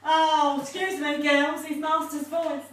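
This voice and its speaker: A woman's voice: high-pitched, flat delivery, measured pace, a bit bright, a little hiss or hum, voice pushed up. Woman putting on a tipsy Cockney landlady, echoing. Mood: brassy, tipsy. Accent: Cockney, put on. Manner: theatrical soap-opera delivery. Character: tipsy brassy female pub landlady, Cockney soap wife. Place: home living room with audience. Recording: echoey room, mic far off.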